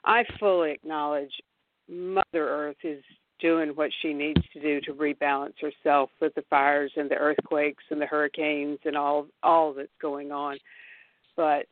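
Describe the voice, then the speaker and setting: A woman's voice: low-pitched, flat delivery, unhurried. A woman from the American South calling into a radio show over a phone line, earnest and rambling with many restarts. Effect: caller heard over a phone line. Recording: tinny phone line, dry.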